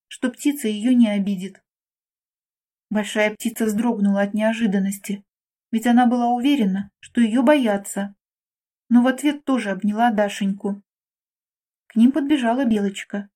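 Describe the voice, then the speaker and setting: A woman narrating a children's fairy tale in a gentle, read-aloud manner. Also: fairly high pitch, fairly even intonation, moderate pace.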